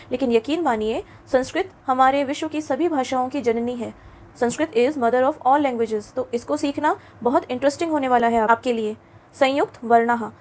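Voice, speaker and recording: A woman whose voice is high, light and a little mellow teaches a children's class with patient encouragement. Mixing in English words, she regularly checks in with questions and takes her time articulating each letter.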